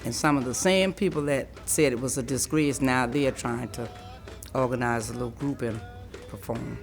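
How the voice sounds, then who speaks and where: An older woman speaks with a coastal Georgia Lowcountry creole accent and a gravelly voice. She is emphatic and plain-spoken as she reminisces in an interview, with music playing behind her. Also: normal speed. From McIntosh County, coastal Georgia, US. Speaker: traditional shout singer.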